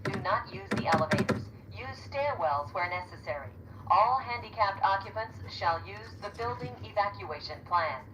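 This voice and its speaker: A woman's recorded emergency announcement plays over a PA loudspeaker, calm, formal and evenly paced. The voice sounds distant from the mic, with clear background noise around it. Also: medium pitch, normal speed. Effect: played over a PA loudspeaker.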